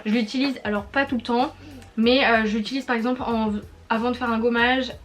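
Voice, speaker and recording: A woman's voice: fairly high pitch, fairly even intonation, a little fast, soft background music. A young woman, chatting casually in a product review vlog, rambling with lots of fillers and restarts. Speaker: YouTuber.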